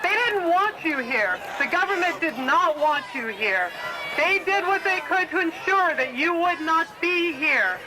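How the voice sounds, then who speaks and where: A rally speaker shouting a rousing, repetitive speech to a crowd. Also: very high-pitched, lively intonation, measured pace, over music, low-quality recording.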